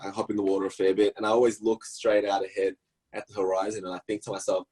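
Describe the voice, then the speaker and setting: A man's voice: lowish voice, flat delivery, fast, darkish tone, husky, rough recording. A man co-hosting a podcast, musing aloud in a casual, wandering way. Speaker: podcast co-host.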